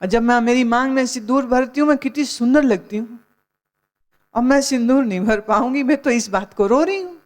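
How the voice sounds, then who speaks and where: A woman's voice: on the high side, moderate pace, a little mellow, big-room sound, close to an everyday voice. A woman voicing a vain new widow who cries more for herself than for her husband, told as a joke in a sermon. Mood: self-pitying.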